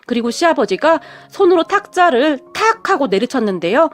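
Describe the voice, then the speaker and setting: A woman's voice: sits high, sing-song, moderate pace. A woman narrating her own family story in a polite, scripted radio-story style.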